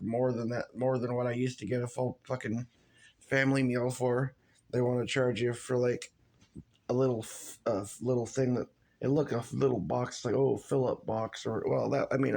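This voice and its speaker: A man's voice: mid-range voice, vocal fry, darkish tone. Rambling, foul-mouthed guy venting into his camera in an everyday mid-range voice. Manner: profane, rambling, loose and frustrated. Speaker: vlogger. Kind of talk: casual rant to camera.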